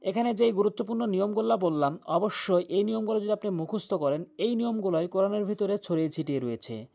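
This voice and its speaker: A man's voice: high voice, fast talker, creaky, mellow. A man teaching Quran recitation in an emphatic, insistent way, spelling words out sound by sound with frequent "ah" fillers. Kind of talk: lesson.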